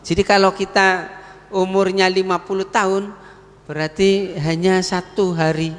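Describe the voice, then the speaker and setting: Man, preacher, higher pitch, mosque sermon, long hall reverb. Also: level tone, fairly bright tone. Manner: addresses congregation as Bapak Ibu, chants Quranic verses slowly.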